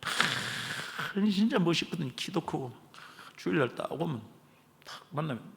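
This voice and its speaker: A man preaches a sermon, telling a story with humor. His pitch rises and falls freely as he speaks. His voice rings out with a long reverb through the church sanctuary. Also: a little slow, gravelly. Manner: animated storytelling with humor, quoting others. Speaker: pastor.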